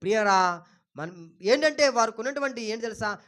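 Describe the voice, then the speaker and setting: A male pastor with a Telugu accent preaching a sermon, moving between loud exclamations and soft low asides. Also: animated, normal speed, smooth.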